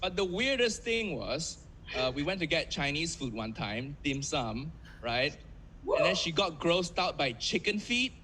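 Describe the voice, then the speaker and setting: Lively Malaysian man telling jokes over a video call. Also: fairly high pitch, unhurried, a little hiss or hum, rough recording. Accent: Malaysian English. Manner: deadpan storytelling, laughs at his own jokes. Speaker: stand-up comedian.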